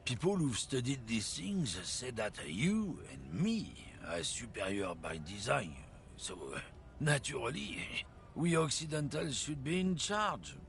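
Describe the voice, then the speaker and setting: A sneering bigoted lecturer. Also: male voice, mid-range voice, very animated, creaky, a bit bright, slight background noise, exaggerated voice. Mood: lecturing. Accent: heavy continental European-sounding accent. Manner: sneering, lecturing, drawn-out swoops. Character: bigoted middle-aged man preaching racial superiority, scornful.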